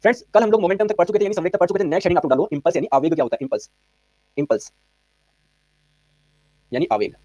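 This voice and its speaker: Male physics tutor, brisk and quizzing, slightly high voice, dry close sound. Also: a little mellow, dry recording. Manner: brisk, quizzing students with repeated questions. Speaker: physics teacher. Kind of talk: online exam-prep physics lecture.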